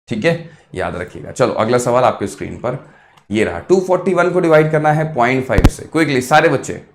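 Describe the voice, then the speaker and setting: A man teaching a live online exam-prep math class, encouraging, repeating each answer, and mixing quick calculation with motivational asides. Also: mid-range voice, a little hiss or hum. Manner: encouraging, repeats answers, addresses students as kids.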